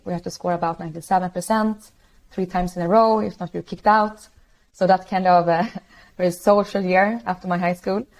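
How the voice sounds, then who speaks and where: A woman's voice: fairly low pitch, a little mellow, low-quality recording. Chatty Swedish-raised woman in her thirties. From Sweden. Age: 30s. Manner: chatty, many fillers and restarts. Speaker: guest, startup founder. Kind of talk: casual interview talk. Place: home room, video call.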